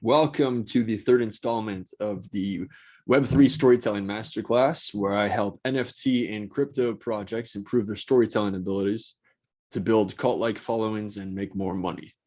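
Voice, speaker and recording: A man's voice: on the low side, fairly even intonation, moderate pace, darkish tone. A man hosting a casual solo talk, blunt and profane, rambling and restarting his sentences. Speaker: host.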